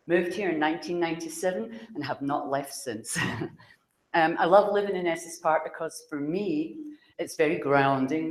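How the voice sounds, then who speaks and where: A woman from Glasgow with a Scottish accent, giving a chatty talk to an audience as a psychic speaker, speaking loudly and laughing often. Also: deep voice, echoey room. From Scotland.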